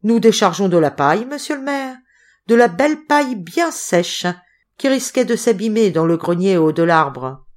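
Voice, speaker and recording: A woman voicing a rough village bandit who threatens loudly and mockingly. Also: medium pitch, big pitch swings, normal speed, voice pushed up, lightly acted.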